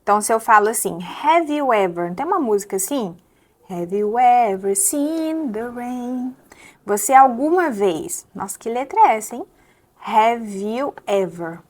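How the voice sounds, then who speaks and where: A young adult woman with a Brazilian Portuguese accent, teaching English pronunciation step by step and repeating words slowly to model them. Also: on the high side, sing-song. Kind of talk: pronunciation lesson.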